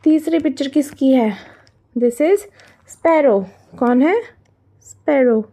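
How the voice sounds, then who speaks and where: A primary school teacher speaks slowly in a high-pitched, mellow voice with an Indian accent. Working from a workbook with young children, she shifts between Hindi and English and answers her own questions.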